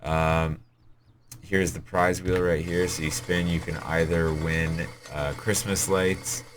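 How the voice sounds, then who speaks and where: A man giving a hurried, rambling walkthrough of puzzles he built in a game, as the server admin. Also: low voice, level tone, background noise.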